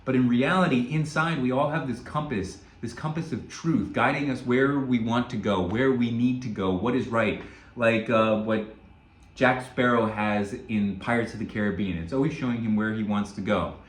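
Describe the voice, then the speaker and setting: A man of middle pitch gives an earnest self-help lesson that drifts into storytelling and keeps asking "right?". His voice carries a noticeable room echo, as if he is speaking in a bare room. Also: moderate pace. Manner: earnest, storytelling, frequent "right?" check-ins. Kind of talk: spoken motivational teaching with a story.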